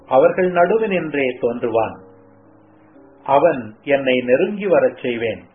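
Divine male voice of the Lord, read by a man, solemn and very slow, tinny sound. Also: on the high side. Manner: slow solemn scripture reading. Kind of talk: devotional scripture reading. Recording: tinny phone-like sound, faint music.

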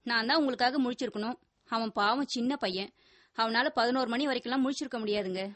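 A woman's voice: fairly high pitch, fast, fairly bright tone, no room sound, lightly acted. An actress playing a young wife and mother who scolds her husband with teasing reproach. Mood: reproachful. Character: warm but sharp-tongued young wife and mother.

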